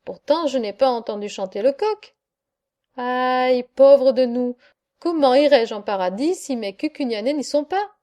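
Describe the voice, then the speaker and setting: A worried village priest begs and exclaims in fervent, imploring tones, voiced by a woman narrator. The voice sits high and mellow, and he speaks slowly, pleading with each word. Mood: dismayed. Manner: pleading, fervent, easily alarmed. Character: anxious village priest, a middle-aged man.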